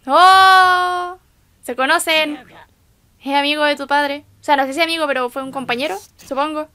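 A woman's voice: high voice, steady tone, brisk, fairly bright tone. A young woman with a Chilean accent giving casual reaction commentary as an anime reaction host, exclaiming and making sympathetic asides to her viewers. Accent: Chilean Spanish.

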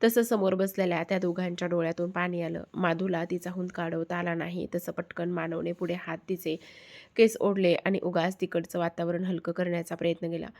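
A woman tells an emotional family story in a low voice. Her tone stays level, with little rise or fall, and she reads softly and unhurriedly, pausing now and then. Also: level tone.

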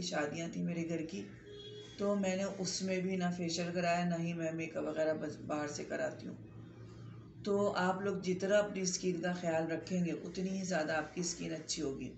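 A middle-aged woman doctor gives direct-to-camera skin-care advice into a close phone camera, her low, darkish voice hoarse from a sore throat and gravelly with fry, yet steady at a moderate pace. Chatty and instructive, she explains remedies while holding up the products she means. Her small, shelf-lined clinic room sounds echoey, with a faint hiss underneath.

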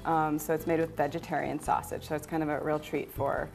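A woman's voice: sits low, level tone, brisk, gravelly, a little mellow, faint music behind. A middle-aged woman, a restaurant owner, explaining a menu on a TV cooking segment with a hesitant, earnest manner. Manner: hesitant, lots of ums, earnest. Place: indoor TV studio kitchen set.

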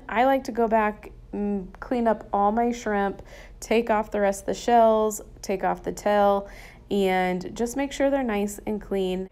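A woman talks through her home cooking in a relaxed voice-over. She is chatty and enthusiastic, with folksy asides and a middle-pitched voice. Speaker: cooking vlogger. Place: home kitchen.

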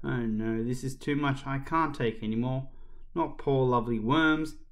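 A bold, quick-witted young girl from a children's storybook , as a man puts her voice on. She speaks in a lifted, bright tone, sweetly insistent one moment and determined the next. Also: medium pitch, natural voice. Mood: dismayed.

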